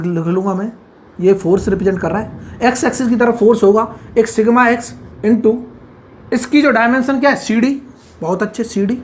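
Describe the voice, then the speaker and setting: A man with a notably high voice gives a whiteboard engineering lecture. He walks through each step, keeps asking if it is all clear and praises under his breath. His key terms come back again and again. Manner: repeats key terms, drops to a soft murmur on asides. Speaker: engineering tutor.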